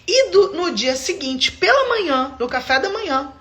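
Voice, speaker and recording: High-voiced woman giving testimony. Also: very animated, normal speed, fairly bright tone. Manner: emphatic storyteller addressing viewers directly. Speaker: host of a faith live stream. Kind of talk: personal faith testimony. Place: at home, streaming live.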